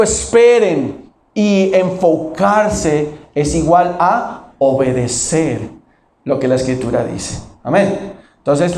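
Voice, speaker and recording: A male pastor with a high voice preaches to his congregation. He keeps asking questions and answers them himself. The echo of a large church hall carries his voice. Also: warm tone, a little hiss or hum. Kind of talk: sermon.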